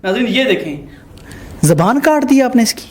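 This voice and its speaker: High-voiced man lecturing a couple. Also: big pitch swings. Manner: lecturing, moralizing, emphatic. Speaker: host mediating a couple's dispute. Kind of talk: confrontational reality-show mediation.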